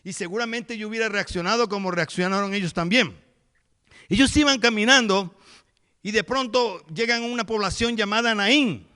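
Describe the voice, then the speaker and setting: Male pastor, higher voice, sermon delivery, storyteller who acts scenes out. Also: normal speed, bright, forceful tone. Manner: vivid storytelling, acting out the scenes.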